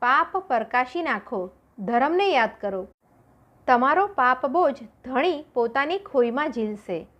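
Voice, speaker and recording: A woman voicing a serene holy woman from a storybook, urging with gentle firmness. Her fairly high voice rises and falls in a lively way. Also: unhurried, lo-fi sound. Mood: calm urging. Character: calm, devout holy woman, steady guide.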